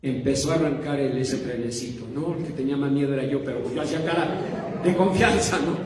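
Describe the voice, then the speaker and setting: A male pastor preaching a sermon, telling a story with quick humorous asides and questions to the congregation. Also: mid-range voice, recorded from a distance, noisy background. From Mexico. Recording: echoey hall, voice from afar.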